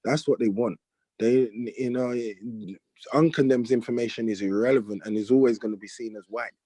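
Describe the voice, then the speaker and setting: A man's voice: medium pitch, steady tone, a little fast, warm tone, dry recording. A man hosting a heated discussion, earnest and stumbling over restarts as he argues. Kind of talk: heated debate.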